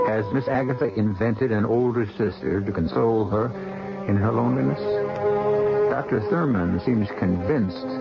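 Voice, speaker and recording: A man's voice: fairly low pitch, vocal fry. A man hosting and narrating a horror radio drama with theatrical, sardonic scripted delivery. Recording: dull lo-fi radio recording. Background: music.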